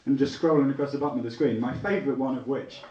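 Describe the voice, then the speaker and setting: A man's voice: mid-range voice, racing, recorded from a distance, dull audio. A young man from England with a Leicester accent tinged with Liverpool, doing a stand-up comedy routine and bantering with the crowd. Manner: chatty, bantering with the crowd, bursts into excited yelps. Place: small theatre lounge with a live audience. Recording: echoey room, recorded from afar.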